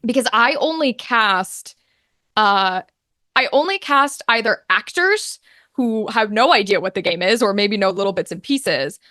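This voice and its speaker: A woman guest in a casual interview talks about her work as an actor and game master, animatedly acting out imagined quotes. Her medium-pitched voice is unhurried, recorded in studio quality with no echo.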